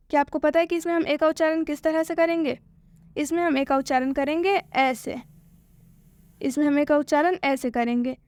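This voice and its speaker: A woman with a high voice teaches pronunciation. She asks a question, answers it herself, and repeats each point. The recording is dry and close. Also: no echo. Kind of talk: explanatory lesson.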